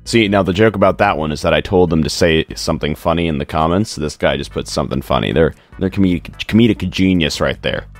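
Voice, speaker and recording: Deep-voiced tired man reading comments. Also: fast, few pauses, dry recording, faint music behind. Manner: laughs often, reads jokes aloud in a deadpan way. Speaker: streamer reading viewer comments. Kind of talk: casual comedic reading.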